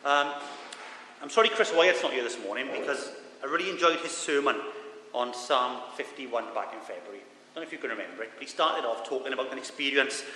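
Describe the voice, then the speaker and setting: Bright-voiced Swansea man preaching in echoey hall. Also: medium pitch, a little fast. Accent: Swansea Welsh. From Swansea, Wales. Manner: self-deprecating. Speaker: lay preacher. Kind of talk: informal sermon with Bible reading. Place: large reverberant church room. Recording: echoey hall, reverberant, with background noise.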